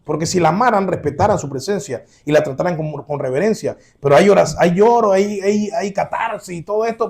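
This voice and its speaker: A man preaching a sermon as pastor, addressing the congregation as brothers with rhetorical questions and swinging between loud emphatic exclamations and quiet low asides. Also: gravelly.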